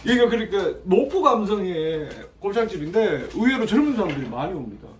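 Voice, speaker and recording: A man's voice: high voice, sing-song, a little fast, heavy background noise. A man, chatting and laughing often while filming a food vlog on a phone in a small restaurant. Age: 40s. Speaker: vlogger. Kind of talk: casual food vlog chat. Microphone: handheld phone camera. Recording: echoey small room.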